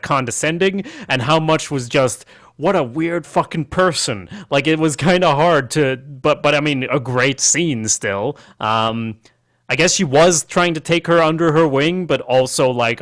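Guy cohosting a podcast, jokey and sweary, mid pitch, dry close sound. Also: fairly bright tone, no echo. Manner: loose, profane, jokey recapping. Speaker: podcast co-host. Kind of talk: casual chat reviewing a TV show.

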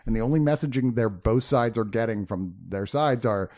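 A man's voice: medium pitch, moderate pace, darkish tone. A man co-hosting a casual film review podcast, talking in a joking, profane way. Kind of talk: casual chat.

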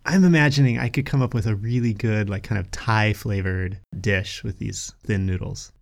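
A relaxed man talking casually as co-host of a hiking show. He keeps an easy, conversational tone and breaks into short chuckles between thoughts. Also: on the low side, moderate pace, creaky. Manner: easygoing, chuckles often between remarks. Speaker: podcast co-host. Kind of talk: casual chat.

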